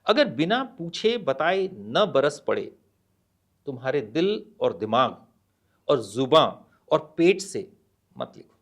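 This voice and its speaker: A middle-aged man, a guest author on a podcast, speaking in a measured, deliberate way and mixing Hindi and English, with hesitant pauses. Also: fairly high pitch, sing-song. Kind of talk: podcast interview, reading a poem aloud.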